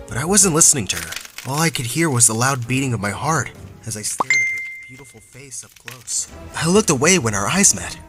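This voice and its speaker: A man's voice: mid-range voice, bright, forceful tone. A young man narrating a first-person story in an earnest, dramatic way, from a script. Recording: faint background music.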